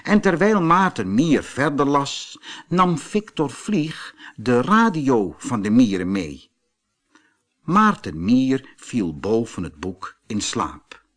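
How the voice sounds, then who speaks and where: In a mid-range voice, a male narrator reads a children's fairy tale audiobook with expressive storytelling flair.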